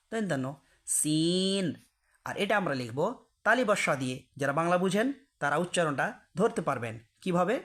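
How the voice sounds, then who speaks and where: A man teaching Arabic letters, repeating each sound slowly and deliberately for learners to follow. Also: fairly high pitch, fairly bright tone. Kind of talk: slow pronunciation lesson.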